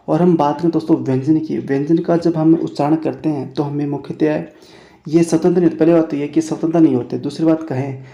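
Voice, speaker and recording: A man teaching Hindi grammar in a classroom lesson, repeating phrases slowly and calling his listeners friends. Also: on the high side, warm tone. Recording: echoey room.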